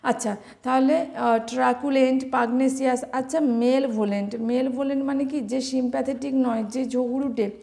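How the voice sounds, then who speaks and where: A woman with a Bengali accent teaching vocabulary for exam prep, explaining meanings and spelling words out slowly letter by letter. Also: high voice, gravelly, darkish tone.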